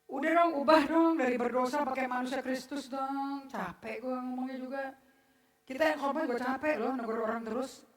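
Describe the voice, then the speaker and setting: In an echoey church hall, a woman pastor preaches a sermon to her congregation during a service. Her high voice has fairly even intonation at a moderate pace, picked up by a distant mic. She's blunt and scolding, blending formal language with slang and jokes.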